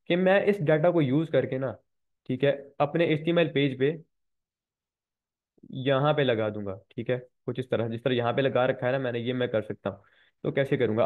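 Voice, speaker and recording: A man with a slightly sore throat teaching a programming lecture, walking students through code step by step and repeating key points. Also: medium pitch. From Pakistan. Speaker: programming instructor. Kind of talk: screen-recorded coding lecture. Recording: tinny phone-like recording.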